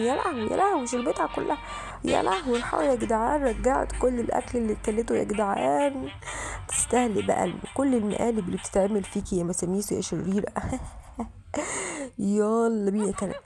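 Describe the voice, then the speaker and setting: An excitable woman with an Egyptian Arabic accent rattles off quick let's-play commentary, her voice gravelly with fry. She keeps calling out to the viewers while faint game music plays underneath. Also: medium pitch. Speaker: gaming channel host.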